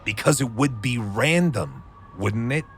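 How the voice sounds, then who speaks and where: An actor playing a gruff, sarcastic, brusque police detective with a gravelly voice in a video game. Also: male voice, mid-range voice, lively intonation, a little slow, soft background music, close to an everyday voice. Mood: exasperated, dismissive. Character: gruff, dismissive, cynical male police detective.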